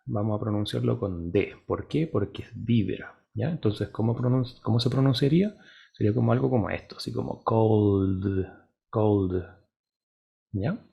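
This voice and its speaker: Gravelly, husky male teacher explaining patiently. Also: mid-range voice, highs cut off. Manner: patient, checks in with "¿cierto?" and "¿ya?"; slow, deliberate modeling of English words. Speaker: English teacher. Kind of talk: classroom lesson explanation.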